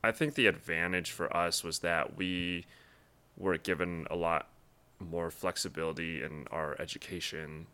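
A young man from Taiwan, a guest in a casual interview, answering in a thoughtful, measured way with frequent pauses. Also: low voice, fairly even intonation, bright, forceful tone, clean tone. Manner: thoughtful, measured, many ums.

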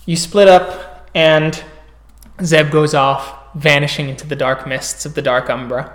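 A man's voice: on the high side, fairly even intonation, measured pace, a bit bright. A man narrating a tabletop role-playing game as its game master and host.

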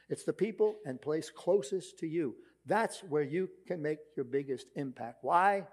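A male pastor with a Brooklyn accent delivers a sermon in a fairly high, mellow voice. He preaches with emphasis but keeps it conversational, often putting rhetorical questions to his listeners. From Brooklyn, New York.

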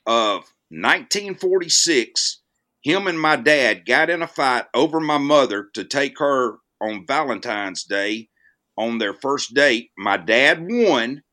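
An older man from Alabama with a Southern American accent, chatting as a podcast guest in an unhurried, folksy old Southern gentleman manner. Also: on the high side. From Alabama, United States. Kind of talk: casual interview chat.

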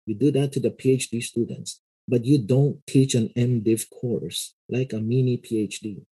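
A middle-aged man, a pastor and seminary lecturer, explaining his views in a casual interview in a measured way, often adding "you know". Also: medium pitch, fairly even intonation, warm tone, slightly rough, low-quality recording.

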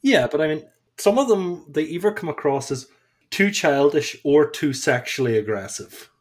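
A man's voice: a little high, expressive, normal speed. A man in casual chat who laughs often, mimics silly voices and swears casually.

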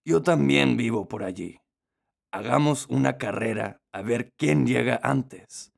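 A man voicing a cunning big male wolf with a rough, hoarse voice, talking slowly and coaxingly. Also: mid-range voice. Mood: sly. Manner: slow, sly, coaxing.

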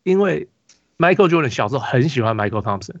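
Fast-talking man with a Taiwanese Mandarin accent. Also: medium pitch, expressive, no room sound, highs cut off. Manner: rambling storytelling with many restarts and fillers. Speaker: podcast host. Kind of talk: casual basketball podcast chat.

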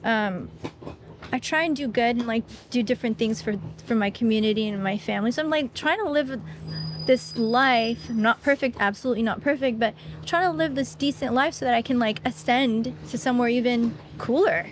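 A woman talking as a guest in a casual conversation, animated and chatty with lots of fillers. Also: fairly high pitch, normal speed, slight background noise. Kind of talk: casual conversation about faith.

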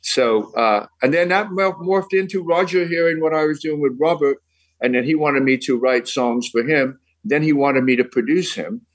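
An older Englishman speaks in a fairly high voice at a moderate pace, and the audio quality is poor. He's a songwriter appearing as a podcast guest, chatting casually, telling long rambling anecdotes and dropping British slang.

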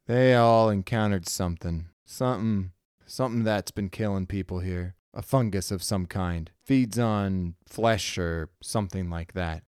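Brief: a man playing a weary starship captain, tense and commanding, clear and dry. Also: low-pitched, unhurried, a little mellow, dry recording.

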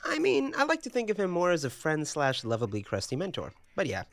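A man's voice: fairly high pitch, wildly swooping pitch, brisk, vocal fry, a bit bright, no room sound, heavily acted. An actor playing a young Indian-American man, laid-back and a bit defensive, speaking with dry earnestness. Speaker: aspiring adult-film actor. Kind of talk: sitcom dialogue.

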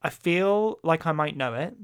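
A man's voice: on the high side, lively intonation, measured pace, clear, resonant tone. A man co-hosting a podcast, chatting casually and analytically about a novel with wry, dry humour. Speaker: podcast co-host. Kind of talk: casual book-club chat, reading excerpts aloud.

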